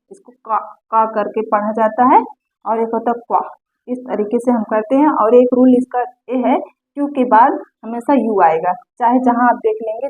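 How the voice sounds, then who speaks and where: A woman teaching English pronunciation rules, patiently repeating each example word. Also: fairly high pitch. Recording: tinny phone-like audio.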